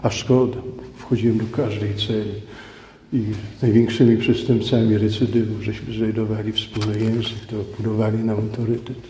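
A middle-aged preacher delivers a sermon full of personal anecdotes inside a large church, speaking conversationally yet emphatically and repeating phrases for effect. His voice is on the low side, mellow and level, at a normal speed. The church hall echoes, with background noise.

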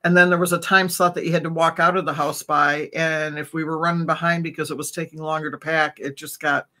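A middle-aged woman on a video call from home, calmly explaining her routine step by step as an interview guest. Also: low-pitched, a little fast. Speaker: reptile vendor guest. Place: home room. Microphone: webcam on a video call.

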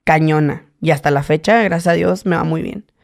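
Animated young Mexican man telling stories. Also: brisk, gravelly. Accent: northern Mexican, Tijuana. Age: late 20s. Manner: animated storyteller, mimics others in high voices. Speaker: guest. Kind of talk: casual interview chat.

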